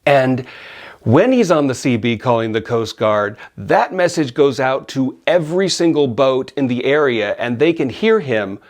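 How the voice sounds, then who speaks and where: A middle-aged man casually telling a personal story, animated and often laughing as he acts out his own yells. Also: mid-range voice, unhurried.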